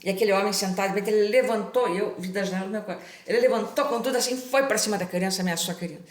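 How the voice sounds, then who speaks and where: A woman's voice: mid-range voice, racing, roomy sound. A middle-aged Brazilian woman telling a personal story to her viewers in a chatty way, often adding tag questions. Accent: Brazilian Portuguese. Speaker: channel host.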